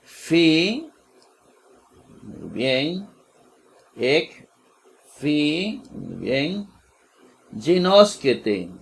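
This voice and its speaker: Brief: male teacher, slightly higher voice, very unhurried lesson, repeats every word, keeps checking "right?". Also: big pitch swings, creaky. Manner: slow and deliberate, repeats each word several times; asks "¿verdad?" to check listeners follow. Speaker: Bible teacher. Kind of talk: slow screen-share lesson.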